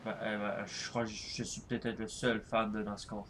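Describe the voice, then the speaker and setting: A man's voice: on the low side, flat delivery, normal speed, noisy background. A man giving casual gameplay commentary, rambling with lots of fillers and crude swearing. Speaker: gaming youtuber.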